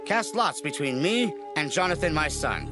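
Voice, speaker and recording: A man's voice: a little high, animated, normal speed, over music, close to an everyday voice. A man playing a stern, commanding king of ancient Israel in a dramatized scripture reading, declaiming his orders. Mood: grave, stern.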